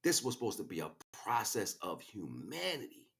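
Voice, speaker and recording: Speaking off the cuff on a livestream, a man who teaches spirituality lectures informally, leaning on emphatic repeated phrases and frequent check-ins with the audience. His voice is lowish, creaky and a bit bright, with huge pitch swings and a moderate pace.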